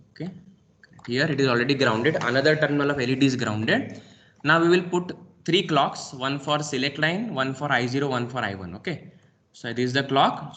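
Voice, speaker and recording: A male lecturer with an Indian English accent narrates a screen-recorded lab demo, calling out each click and pausing on a steady "okay." His voice sits at a middle pitch for a man. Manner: talks through each click step by step, frequent "okay".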